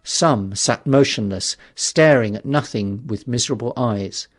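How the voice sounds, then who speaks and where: A man narrates a literary story as an audiobook in a dramatic, measured way. His voice sits in the mid range.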